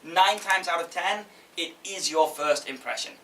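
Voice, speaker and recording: A man gives an informal conference talk in a bright, forceful, slightly high voice. He is conversational and jokey, checking in with his listeners. The sound is roomy and distant from the microphone. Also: normal speed. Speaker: game publisher giving a talk. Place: indoor event room with audience. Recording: echoey room from afar, faint noise.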